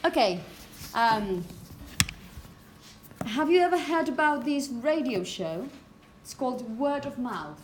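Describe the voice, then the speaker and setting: Woman teacher going over pronunciation w a class, highish voice, patient, keeps asking okay?, faint room noise. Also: animated, slow.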